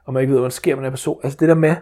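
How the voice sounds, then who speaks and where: A man's voice: mid-range voice, fairly even intonation, warm tone. A man tells a story from home life. He rambles and restarts often, with a mid-range voice. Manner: rambling with many restarts and fillers. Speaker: father telling a story. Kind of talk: casual storytelling chat.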